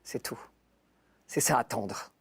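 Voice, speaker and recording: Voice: slow, no room sound. An older speaker, a guest in a spiritual radio discussion, talking in short, optimistic phrases.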